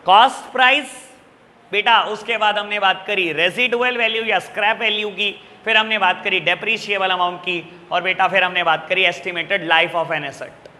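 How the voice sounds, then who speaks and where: A man's voice: high voice, fairly even intonation, normal speed, pushed and bright, in a large hall. A male accounts teacher giving a classroom lecture, affectionately addressing his students and often checking whether they have understood. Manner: affectionate, repeatedly calls students "beta"; asks "clear?" to check understanding.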